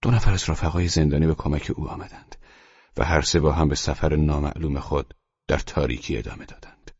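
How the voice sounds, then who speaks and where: A man reading an audiobook in grave, measured scripted narration, on a dull, dry lo-fi recording. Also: a bass voice, fairly even intonation, darkish tone, slightly rough, dry recording.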